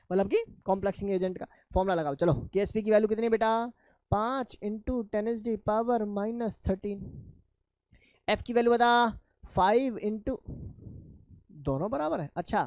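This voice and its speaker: Male chemistry teacher, coaxing call-and-response lecture, drops low to answer his own questions, dry close sound. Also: a little mellow, dry recording. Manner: asks questions and answers them himself in a lower voice; addresses students affectionately as children. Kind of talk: classroom lecture.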